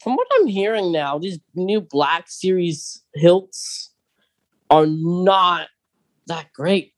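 A podcast co-host talks about fandom news in a relaxed, conversational way, frequently asking a partner questions. The voice is medium-pitched, animated and slow.

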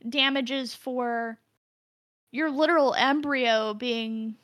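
A woman co-hosting a casual podcast chat with a high, bright voice. She rambles and restarts her thoughts often, recorded close and dry. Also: takes it slowly, no echo. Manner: rambling, full of fillers and restarts. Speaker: podcast co-host.

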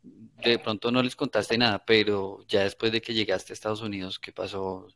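A man's voice: lowish voice, level tone, moderate pace, a bit bright. A man interviewing a guest, asking long, hedging questions full of fillers. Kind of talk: conversational interview.

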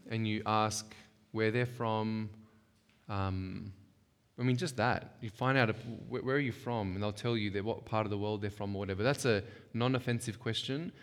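A man's voice: lowish voice, smooth. A man leading a church workshop session, talking conversationally and emphatically, often checking in with the audience. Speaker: workshop speaker. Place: church hall. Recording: long hall reverb.

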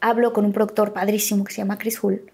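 A Mexican actress with a Mexican accent tells stories from her life in a relaxed interview, acting out the dialogue as she goes. Her mid-range voice is fast, creaky and husky, and her delivery is animated as she performs the quoted lines.

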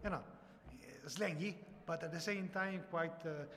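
In a reverberant hall with some background noise, a man with a fairly high voice and an Italian accent speaks to an audience. He is a native Italian speaker telling a story informally. His delivery is halting, with words often repeated as he searches for the next one. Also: a bit bright. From Italy. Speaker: conference speaker, software founder.

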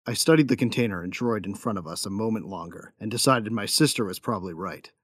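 Clean studio sound with no echo carries a lowish, slightly bright male voice that talks fast. In a sci-fi audio drama he plays a tough young gunfighter and protective big brother, delivering first-person narration and dialogue in a matter-of-fact, wry, grim way.

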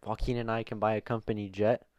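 A man's voice: on the low side, flat delivery, fast talker, a little mellow, no room sound. A young man co-hosting a podcast, talking casually and rambling with lots of fillers. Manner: laid-back, rambling, heavy on fillers. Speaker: podcast co-host. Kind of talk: casual chat.

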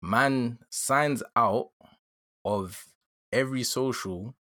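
A man's voice: mid-range voice, drawn-out words, a bit bright, no room sound, clean studio sound. A young man with a London accent, chatting casually on a podcast in a slangy, rambling way. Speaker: podcast host.

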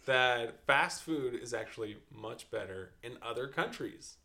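A man's voice: medium pitch, expressive, unhurried, vocal fry, a crowd in the background. A man co-hosting a casual podcast chat, explaining his picks at length with frequent laughs. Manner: chatty, laughing, rambling explanations. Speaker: podcast co-host.

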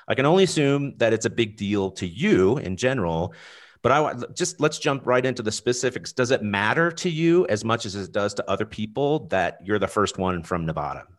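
A man's voice: on the low side, lively intonation, a little fast. A man hosting a sports interview, introducing his guest with energy and enthusiasm. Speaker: interview host.

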